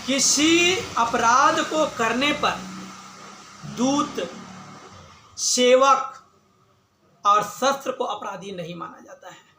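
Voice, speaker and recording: A man's voice: very high voice, slow, long pauses, bright, forceful tone, slight background noise, pitched above the performer's own voice, full character voice. A man telling a religious story, voicing a talking male snake that argues earnestly for its life. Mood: pleading. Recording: echoey room.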